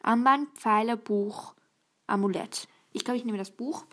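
Higher-voiced woman reading a quiz aloud. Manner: reads quickly, stumbles and restarts, sometimes drops to a whisper. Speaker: video host taking a quiz.

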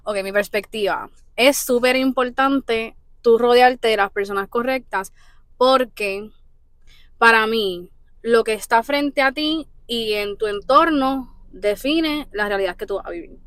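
A woman hosts a relaxed podcast conversation, her voice bright and somewhat high. She tells stories excitably, and the recording is close and dry. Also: measured pace, dry recording. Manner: lively, excitable storyteller. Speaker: podcast host. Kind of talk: casual podcast chat.

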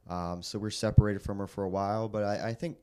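A young man preacher sharing his testimony in a casual interview, earnest and halting with frequent restarts. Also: fairly low pitch, steady tone, dark tone, smooth. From raised in the Philippines, American. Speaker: guest preacher.

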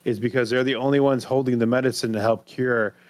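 A man's voice: mid-range voice, steady tone, fast talker, no room sound. A man co-hosting a casual review podcast, talking bluntly and swearing casually. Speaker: podcast co-host.

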